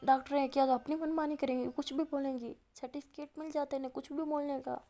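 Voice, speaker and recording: A woman's voice: a little high, steady tone, dark tone, natural voice. A woman voicing a stubborn, impatient young woman patient who complains insistently. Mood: insistent, cross.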